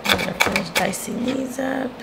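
A woman's voice: a little high, moderate pace, creaky. A young woman chatting casually as she walks viewers through a recipe in her home kitchen. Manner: chatty, explains each step to viewers. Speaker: cooking vlogger. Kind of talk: casual cooking demo. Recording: loud kitchen noise behind.

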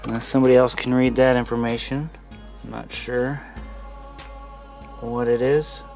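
A man's voice: mid-range voice, little pitch movement, normal speed, gravelly, a little mellow. Guy vlogging w handheld cam in a messy empty house, curious and chatty, faint music under it. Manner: curious, upbeat, thinking aloud with fillers. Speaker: vlogger exploring and inspecting an old computer. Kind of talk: casual handheld vlog narration. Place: cluttered indoor rooms of an empty house. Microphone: handheld camera mic.

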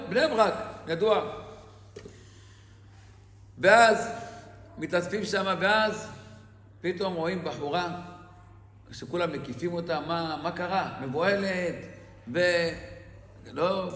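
A male preacher telling a story in a sermon, animated, with emphatic rising outbursts. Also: sits high. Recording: echoey hall reverb.

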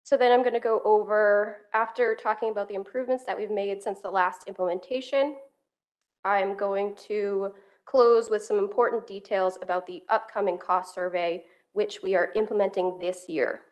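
A woman's voice: medium pitch, moderate pace. A woman economist giving a formal presentation at a council meeting, speaking steadily into a table microphone. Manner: steady, explanatory, occasional self-repeats.

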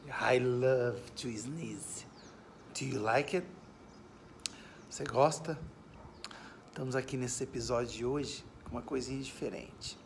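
A Brazilian English teacher with a mid-range voice gives a casual, playful video lesson in English outdoors in his home backyard. He pronounces the English examples slowly and clearly, with slight background noise.

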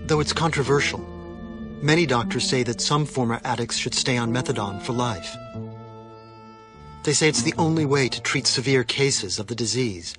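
Guy narrating a documentary, calm explainer tone, music going underneath. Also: mid-range voice. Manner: measured, explanatory. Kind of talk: scripted narration.

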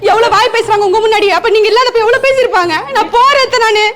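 Whiny, high-pitched, quick-talking woman. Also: over a noisy crowd. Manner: whiny, accusing, pleading to her aunt. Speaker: niece in a staged family quarrel. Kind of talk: comic staged argument.

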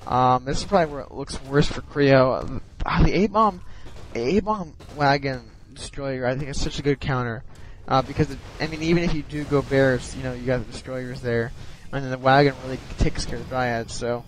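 A man's voice: medium pitch, moderate pace, few pauses, a little hiss or hum, low-quality recording. A man giving casual commentary on a strategy game replay, sounding sleepy and hesitant, with many ums and restarts. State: sleepy, yawning.

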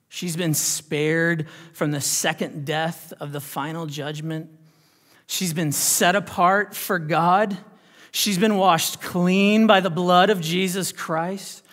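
A pastor with a high-sitting voice preaches a sermon in a reverberant hall. His delivery is dramatic, swinging from hushed near-whispers to loud, emphatic declarations, with rhetorical questions and check-ins with his listeners.

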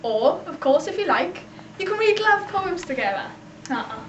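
Young female presenter, South Wales Valleys accent, high voice, homemade explainer video with echoey sound. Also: big pitch swings, normal speed, highs cut off. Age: young adult. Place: small computer room, living room and shopping streets. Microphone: camcorder microphone a few feet away. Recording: roomy echo with clear background noise.

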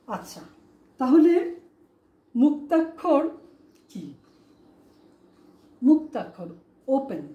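In an echoey room, a female teacher asks her class rhetorical questions and breaks words into syllables as she spells them. She speaks somewhat high with a dark tone, and the upper frequencies are cut off.

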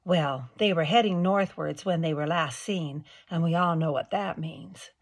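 A woman's voice: deep voice, unhurried, husky, heavily acted. A woman voicing a male talking beaver, gloomy at times and hearty at others, with a folksy, homespun way of speaking.

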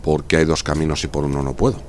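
A deep-voiced man with a Spanish accent from Spain chats casually as he live-streams a game. He argues his points in a chatty way and reads out messages from viewers, with a faint hum in the background. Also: flat delivery, fast talker, a little mellow. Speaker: gaming streamer. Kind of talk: casual live-stream chat while playing.

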